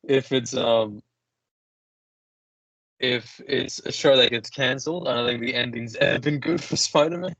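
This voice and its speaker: A man's voice: mid-range voice, normal speed, long pauses, fairly bright tone, no echo, dull audio. A man co-hosting a podcast in casual chat, laughing often and restarting sentences, his voice run through a robot filter. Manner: giggly, hesitant, many restarts. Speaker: podcast co-host.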